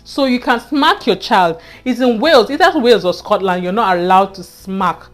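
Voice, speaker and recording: A young Nigerian woman vlogger with a Nigerian accent earnestly tells her viewers a personal story, casually speaking to camera. Her medium-pitched voice moves at a moderate pace over faint music, and she often repeats herself and adds "you know."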